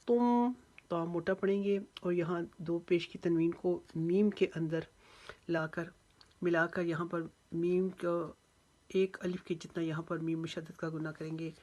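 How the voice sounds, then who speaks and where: A woman's voice: lowish voice, darkish tone. A woman teaching Quran recitation rules step by step, patiently and methodically explaining how each sound is drawn out. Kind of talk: step-by-step tajweed lesson.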